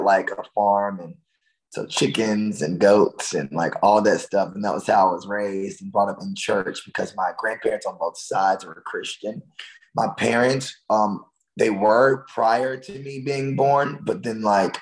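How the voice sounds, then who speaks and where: A man's voice: fairly low pitch, poor audio. Chatty young man in his twenties. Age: 20s. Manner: loose, chatty, full of likes and you-knows. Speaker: worship leader and singer. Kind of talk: casual interview talk.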